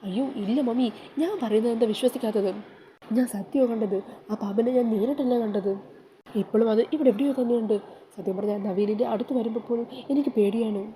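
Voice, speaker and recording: A woman's voice: a little high, quick pace, mellow, slight background noise, close to an everyday voice, poor audio. A woman voicing a frightened young wife who pleads and gets upset, sure a snake haunts her.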